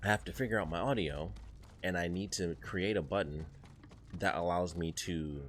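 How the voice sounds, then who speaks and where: A man's voice: sits low, normal speed, a bit bright, a little hiss or hum. A man giving casual, chatty gameplay commentary as a streamer, with exasperated asides. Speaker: gaming streamer. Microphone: desk mic, streaming setup. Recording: game music underneath.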